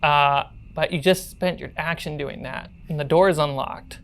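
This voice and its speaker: A woman acts as game master for a tabletop role-playing game, blending scene narration with casual, playful table talk. Her voice sits low at a moderate pace, and music plays behind her.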